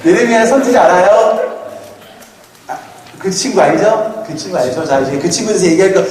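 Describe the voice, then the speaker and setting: A man in his thirties giving a playful, lively sermon at a retreat, often asking the audience questions. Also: high-pitched, moderate pace. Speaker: retreat speaker. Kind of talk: lively youth sermon with jokes. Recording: echoey hall, mic from far off, faint noise.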